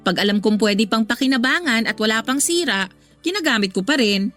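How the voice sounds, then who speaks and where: A woman's voice: on the high side, expressive, fairly quick, fairly bright tone. A woman playing a patient, reluctant young goddaughter with a Filipino accent, speaking respectfully and with restraint in a radio drama. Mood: polite, reluctant. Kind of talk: Tagalog radio drama acting. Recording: music behind the voice.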